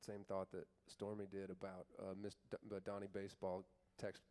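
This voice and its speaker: A male country singer-songwriter thanking the crowd from a theatre stage, grateful and halting, restarting his sentences often. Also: low-pitched, completely flat delivery, a little mellow. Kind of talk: on-stage thank-you speech. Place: theatre stage at a live charity event.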